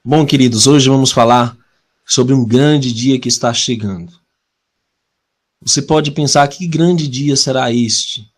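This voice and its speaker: A man with a Brazilian Portuguese accent leading a weekly prophecy study, earnest and measured, slowing down to stress key words. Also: mid-range voice. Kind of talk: prophecy study talk with opening prayer.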